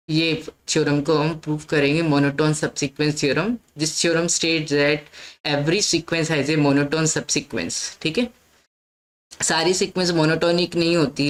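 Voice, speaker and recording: Woman teaching maths, low voice, takes it slow, step by step. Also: rough recording. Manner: explains step by step, often says "ठीक है". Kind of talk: lecture mixing Hindi and English.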